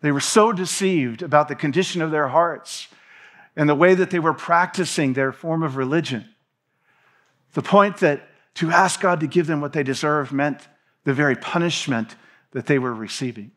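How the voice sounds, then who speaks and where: A man's voice: fairly high pitch, normal speed. A man in his thirties preaching a sermon from a church stage, reading scripture and gesturing as he speaks. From Tennessee. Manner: preaching with hand gestures, animated pacing, reads scripture aloud. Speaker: pastor.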